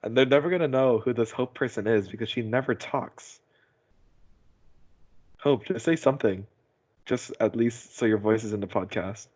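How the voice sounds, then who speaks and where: A young man runs a casual podcast through a voice call that sounds dull and muffled, trading teasing, slangy jokes and letting out big goofy guffaws. His darkish, mid-range voice moves at a normal speed with long pauses.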